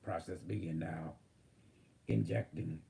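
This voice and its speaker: A man voicing a calm future AI healer that speaks in slow, gentle machine announcements. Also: low-pitched, creaky, noisy background, pitched below the performer's own voice, heavily acted. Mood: robotic, caring. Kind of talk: spiritual channeling session.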